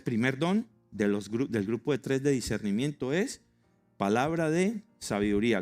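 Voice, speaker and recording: A man with a Colombian accent, preaching a sermon in a lively, joking way and acting out stories. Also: a little high. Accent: Colombian Spanish. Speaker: pastor.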